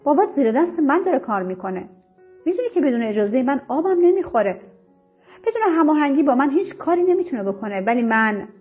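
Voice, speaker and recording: A woman's voice: high voice, sing-song, pitched above the performer's own voice. A woman voicing an arrogant, domineering wealthy young man who speaks in a cold, smug, commanding way. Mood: haughty. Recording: slightly muffled with soft music.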